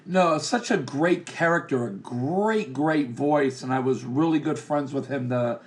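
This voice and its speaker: A man's voice: mid-range voice, unhurried. Guy hosting a music interview, friendly, lots of yeahs, asks easy open questions. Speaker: interviewer, host. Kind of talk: casual interview.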